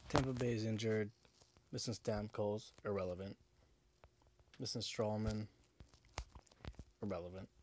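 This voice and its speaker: A low-voiced man talks as if into his own podcast, clearly drunk. He rambles casually, circles back over the same phrases and swears freely. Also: level tone, unhurried, long pauses, noisy background. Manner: rambling, profane, repetitive. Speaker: podcast host. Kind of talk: casual sports podcast monologue.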